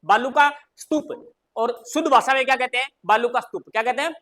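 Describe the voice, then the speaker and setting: A man's voice: very high voice, brisk, sharp tone. A man with a Rajasthani accent teaching a live online class, chatty and repeating questions for his students. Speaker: coaching teacher.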